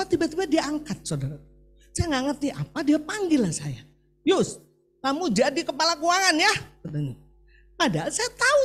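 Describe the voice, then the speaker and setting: A man's voice: very high-pitched, breathy edge. A middle-aged male preacher giving a sermon, talking animatedly and often turning to the congregation with questions. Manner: animated, keeps addressing the congregation as "saudara".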